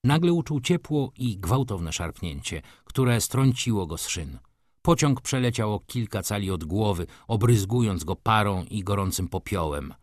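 A man with a fairly low voice reads a classic novel aloud, measured and dramatic. He moves between hushed passages and intense ones. The sound is dry and close. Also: animated, no room sound. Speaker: audiobook narrator. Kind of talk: dramatic literary reading.

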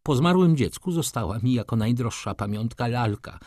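A man voicing a spiteful, vindictive older baroness who talks in a shrill, accusing, theatrical way. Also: lively intonation, normal speed, darkish tone, no echo, studio quality, lightly acted. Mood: complaining. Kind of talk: audiobook character voice.

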